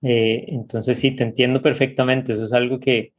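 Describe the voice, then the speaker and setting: A man's voice: medium pitch, little pitch movement, moderate pace. Guy hosting a chat, mid voice, thoughtful, keeps checking in with the guest. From Costa Rica. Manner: reflective, often tags with ¿verdad?. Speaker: podcast host. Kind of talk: casual interview.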